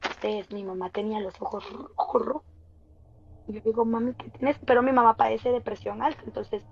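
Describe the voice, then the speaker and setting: A woman tells a personal story as a guest in a casual, earnest way, often speaking straight to her listeners. Her voice is a little high, and the dull lo-fi recording carries a little hiss or hum.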